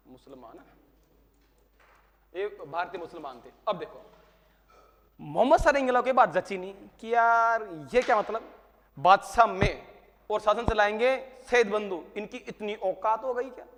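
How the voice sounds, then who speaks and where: High-voiced teacher. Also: male voice, fairly bright tone, long reverb tail. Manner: storytelling, acts out dialogue with humor. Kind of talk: casual classroom history lecture. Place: coaching classroom.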